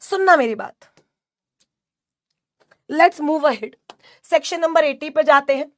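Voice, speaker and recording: A woman's voice: high-pitched, expressive, slow pace, no echo. A woman teaching an online exam coaching class, reading students' chat questions aloud and answering with playful teasing.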